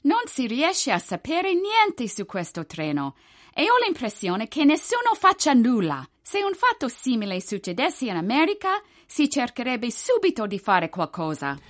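A man voicing a loud, complaining older American woman in an audiobook, fretful and exclamatory. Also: very high voice, huge pitch swings, a little slow, voice pushed up, exaggerated voice.

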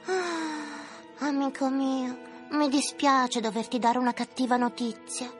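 A man doing a gentle little lady marmot. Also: extremely high pitch, fairly even intonation, voice pushed up. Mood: consoling. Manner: gentle, soothing, slow and lecturing. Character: kindly little female marmot, gently consoling. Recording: music playing underneath.

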